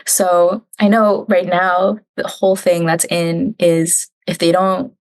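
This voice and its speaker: A young Canadian woman, a digital specialist, appears as a guest in a relaxed interview, speaking slowly in a lowish, level voice. She chats and laughs a lot while recounting conversations with her family.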